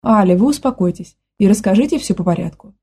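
A woman's voice: medium pitch, lively intonation, fast, dark tone, breathy edge. A woman reading the part of a determined young woman who keeps pressing with questions. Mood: coaxing. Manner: firm, persistent questioning.

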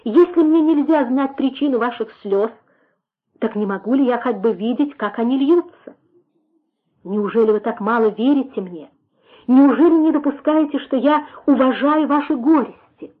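An anguished young man pleads with rising passion, as a woman reader voices him, in an audiobook. The voice is husky and fairly high. The sound is thin and tinny, like a phone line. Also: moderate pace. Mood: pleading. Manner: impassioned, questioning. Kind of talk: audiobook reading.

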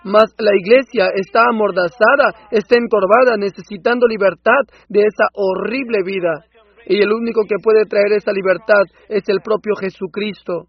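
High husky male preacher voice. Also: fairly even intonation, normal speed, muffled recording. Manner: impassioned, rising to loud outbursts. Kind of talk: Spanish voice-over of a sermon.

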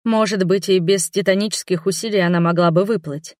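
A woman's voice: on the low side, steady tone, brisk, a little mellow, no echo, studio quality. A woman narrating a first-person audiobook in a wry storytelling manner.

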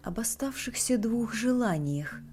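A woman's voice: on the high side, animated, unhurried, darkish tone, faint music behind, pitched above the performer's own voice. A woman voicing a grieving elderly mother who cries out in wild, hysterical bursts. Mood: frantic.

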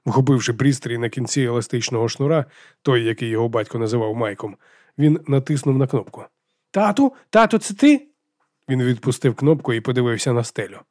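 Brief: male audiobook narrator, mid-pitched, steady and measured, dry close recording. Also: no echo. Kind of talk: scripted narration.

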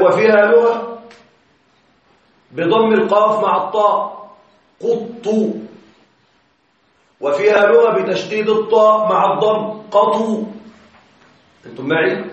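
A man teaching Arabic grammar in a classroom, explaining step by step and often checking that his students are following. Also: high-pitched. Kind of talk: classroom lecture. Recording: echoey, distant, slightly muffled classroom recording.

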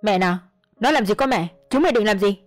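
A woman's voice: medium pitch, expressive, fast talker, natural voice. A woman voicing a blunt, protective young man in a narrated audio story. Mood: angry. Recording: dry close mic, faint music.

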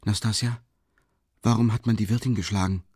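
A man's voice: lowish voice, fairly even intonation, brisk, a little mellow, slightly rough, no echo, clean studio sound. A man voicing a feverish young man in an audiobook, timid and agitated, with a weak voice. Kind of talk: audiobook character voice.

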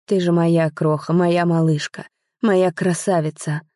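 A woman reading the lines of a young man, a tender, guilt-ridden lover, in a soft, pleading, earnest way. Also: lowish voice, steady tone, measured pace, dry recording, studio quality, lightly acted.

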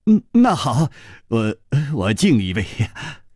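A man's voice: mid-range voice, very animated, slow pace, dark tone, slightly rough, dry recording, studio quality, heavily acted. A man voicing a charming young swordsman who stammers and answers with good humour. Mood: flustered.

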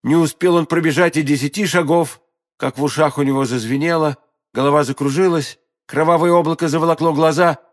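A man narrating a classic novel as an audiobook, expressive and theatrical. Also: a little high, fairly quick. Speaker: audiobook reader.

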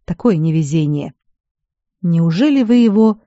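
A woman's voice: lowish voice, lively intonation, measured pace, mellow, dry recording. A reader voicing a young woman, a former battle mage, who is bedridden and speaks weakly with remorse and bitterness. The recording is dull and dry. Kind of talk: audiobook character voice.

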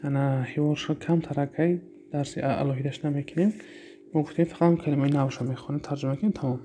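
A man's voice: fairly high pitch, steady tone, warm tone, slight background noise. A man with a Tajik accent teaching an Arabic grammar lesson, explaining step by step and answering his own questions.

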